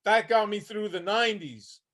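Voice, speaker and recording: A man with a high voice and a fairly bright tone speaks at a moderate pace. Over an online video call, he performs a staged play reading as a haunted, homeless older Vietnam veteran, weary and bitter, telling his story plainly.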